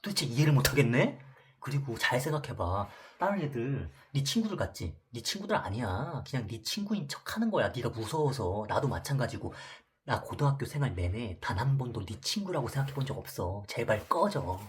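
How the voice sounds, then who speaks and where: A man's voice: mid-range voice, big pitch swings, brisk, a little hiss or hum, close to an everyday voice. A man voicing a timid teenage schoolboy who speaks in a cold, cutting way while retelling a film.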